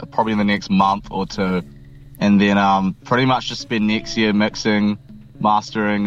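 A young man with a New Zealand accent and a somewhat low voice talks in a relaxed, rambling way, full of fillers and restarts. His voice comes through a muffled, lo-fi line with faint music underneath. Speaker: band member guest. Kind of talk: casual interview chat.

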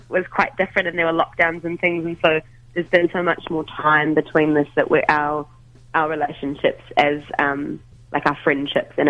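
During a casual phone interview, a musician guest at home making coffee speaks in a mid-range voice, hesitant and full of ums and restarts. There's no echo, and the line sounds tinny.

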